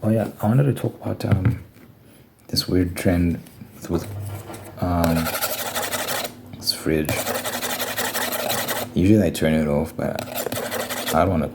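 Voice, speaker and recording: A man's voice: low voice, steady tone, slow pace, vocal fry, long pauses. A young man rambling casually in an ASMR video, talking in an informal, slangy, complaining way. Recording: noisy recording with clicking sounds.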